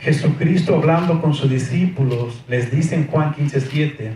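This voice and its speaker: With a mellow voice on the high side and a slightly slow delivery, this preacher gives an emphatic sermon. He poses rhetorical questions to the congregation and keeps saying "amén." The recording, from a church hall, is very echoey with a distant mic and faint noise.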